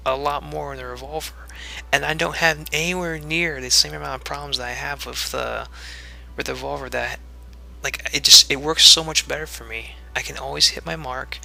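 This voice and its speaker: Young guy talking over his game footage, super gravelly, bright edge, flat delivery, lots of ums, kinda out of breath. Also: medium pitch. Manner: rambling, many ums and restarts. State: a little out of breath. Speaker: video creator giving commentary. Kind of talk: casual gameplay commentary.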